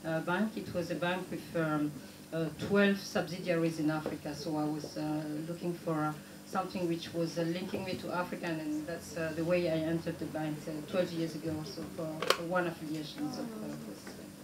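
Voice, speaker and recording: A woman with a Burundian accent giving a talk show presentation in a halting, hesitant way with frequent pauses. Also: deep voice, steady tone. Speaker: guest speaker, banker. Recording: echoey room, clear background noise.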